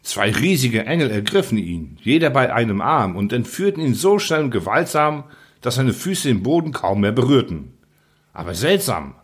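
A man narrating an audiobook story in an expressive storytelling manner. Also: medium pitch, husky.

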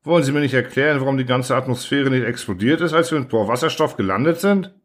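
A man voicing a gruff, irritable starship commander who is blunt and sarcastic, in an audiobook reading. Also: medium pitch, lively intonation, moderate pace, lightly acted. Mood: angry. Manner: blunt, sarcastic, flares into shouting.

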